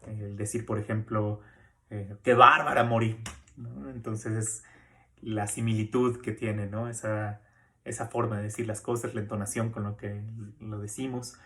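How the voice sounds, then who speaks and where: A man giving a recorded course lecture in a relaxed, conversational way, often checking in with tag questions and fillers as he explains. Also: lowish voice, normal speed. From Mexico. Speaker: university lecturer.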